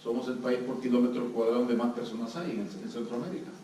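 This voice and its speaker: Fast and dark-toned, a medium-pitched man with a steady delivery and a Salvadoran accent serves as guest pastor, engaging his live congregation with questions and jokes. It's recorded on a distant mic in an echoey, noisy church hall.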